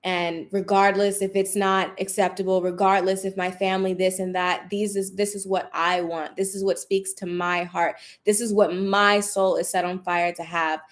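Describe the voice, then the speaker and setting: A woman's voice: mid-range voice, flat delivery, normal speed, hardly any pauses. A woman with a mid-range voice talks as a motivational coach. She is conversational and encouraging, addressing her viewers directly. She leans on key phrases and repeats them for emphasis. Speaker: self-help coach, vlogger. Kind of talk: casual motivational talk to viewers. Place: room at home.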